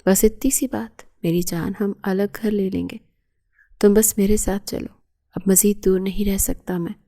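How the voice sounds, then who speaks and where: A woman's voice: mid-range voice, steady tone, mellow, natural voice. Woman reading as an intense loving husband. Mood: tender.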